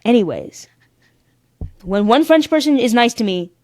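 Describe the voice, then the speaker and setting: A woman guest on a podcast, telling stories in a sassy, animated way and acting out the other people in them. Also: a little high, normal speed, no room sound, clean studio sound. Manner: animated, sassy, acts out voices in her stories. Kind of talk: casual storytelling chat.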